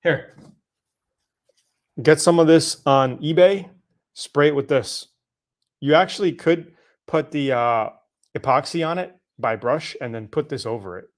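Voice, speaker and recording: A man's voice: fairly high pitch, measured pace, long pauses. Casual, chatty middle-aged man. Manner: loose and conversational, with fillers and self-corrections. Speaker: host answering viewer questions. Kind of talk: casual live Q&A.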